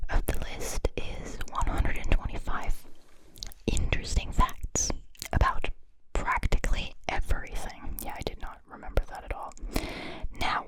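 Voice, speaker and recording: A woman in her thirties from Europe, a non-native English speaker, whispers chatty, rambling ASMR very close to studio microphones in a breathy, unvoiced voice. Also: poor audio. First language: not English. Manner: chatty, rambling, self-interrupting. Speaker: ASMR host. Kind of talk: whispered ASMR, reading and commenting on facts. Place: small indoor room set up as a studio. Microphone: pair of close studio condenser microphones.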